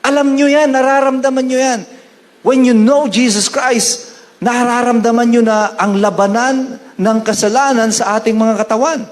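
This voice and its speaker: A man with a Filipino accent preaching a sermon as a pastor, moving between Tagalog and English and slowing down to quote scripture. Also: very high-pitched, fairly even intonation, big-room sound.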